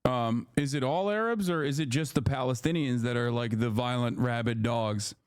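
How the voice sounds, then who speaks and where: A man's voice: mid-range voice, normal speed, clean tone. A man giving casual reaction commentary to a debate, sarcastic and mocking in tone.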